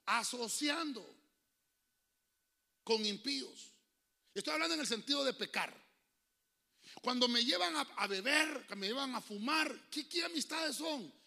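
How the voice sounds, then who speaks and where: A pastor preaches with fervor in a church. His voice sits high and swings up and down a great deal. It has a gravelly edge and a sharp, bright ring, and he moves between loud declarations and quiet remarks to his congregation. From Honduras. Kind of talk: sermon.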